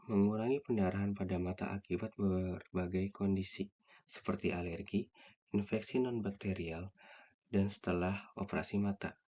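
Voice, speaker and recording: Young male student, low mellow voice, reads a class presentation point by point; dull lo-fi recording. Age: young adult. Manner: reads numbered points in a steady, listing way.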